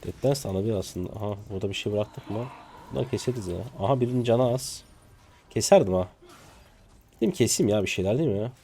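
A man in his twenties from Turkey narrates his own match live for viewers. His voice swings widely in pitch, from low mutters to sudden squeaky yelps. He talks in a loose, excitable, jokey way, with casual swearing. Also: quick pace. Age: 20s. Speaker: streamer. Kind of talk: live gameplay commentary.

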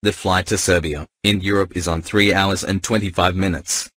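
A synthetic male voice playing an airline pilot, speaking over the plane's intercom with a flat, polite, formal delivery. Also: low voice, moderate pace, dry recording. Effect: in-flight intercom announcement.

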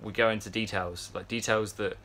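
A man in his twenties rambles to a phone camera at arm's length, chatting casually for a vlog in an indoor yacht crew area beside a fan, full of fillers and restarts. His pitch is fairly low and his tone steady, bright and forceful, and he speaks briskly.

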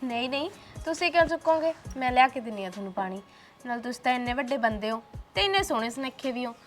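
A woman's voice: high voice, animated, fast, soft background music. A woman acting a fed-up young wife who works as a housemaid and scolds her husband in a short drama film. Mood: sweet, flattering. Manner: sharp-tongued, scolding, taunting.

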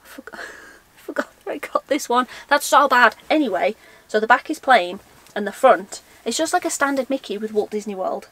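This young vlogger's voice runs on the high side, animated and fairly bright, at a moderate pace with no room sound. She talks casually through her haul in a room lined with backpack shelves, questioning herself aloud and poking fun at her own forgetfulness.

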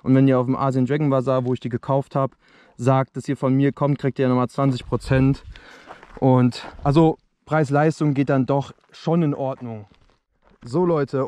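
A man's voice: fairly high pitch, dark tone. A young man talking casually to his viewers while reviewing fireworks outdoors at dusk, recorded on an action camera. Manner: chatty, addresses viewers directly. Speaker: fireworks video host. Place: outdoors on open dirt ground at dusk.

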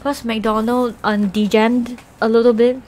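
A young woman talks to her stream viewers on a desk mic between bites of food. Her voice sits a bit high and she giggles often, wandering from thought to thought with plenty of "like". A faint steady hiss runs under her voice. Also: unhurried. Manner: rambling and giggly, heavy use of "like". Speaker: Twitch streamer. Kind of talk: casual chat with viewers while eating.

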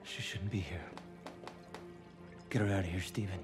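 A man plays a cold, commanding inner voice, low-pitched and clipped, issuing orders. Music plays clearly beneath him. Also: fairly quick, natural voice. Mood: whispering. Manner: curt, controlling, low and steady.

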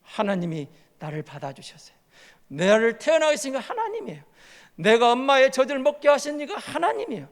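High-voiced preaching man in a reverberant hall. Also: big pitch swings, fairly quick. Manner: earnest preaching, reading scripture aloud and restating it in plain words; swings between loud emphatic lines and soft, low-pitched ones. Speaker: pastor. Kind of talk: sermon. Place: church sanctuary. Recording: long church hall reverb.

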